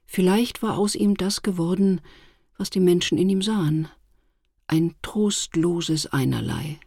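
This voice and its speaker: Low, gravelly woman telling a fairy tale. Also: no room sound, clean studio sound. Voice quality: husky, gravelly. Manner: calm, measured storytelling. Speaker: narrator. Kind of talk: storybook reading.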